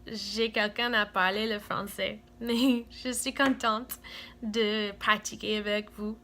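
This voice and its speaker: Slow, hesitant woman with Cameroonian-American French accent. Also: mid-range voice, flat delivery, sharp tone, slight background noise. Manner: hesitant, searching for words, many fillers; friendly and self-deprecating. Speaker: vlogger. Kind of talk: casual chat to viewers. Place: home.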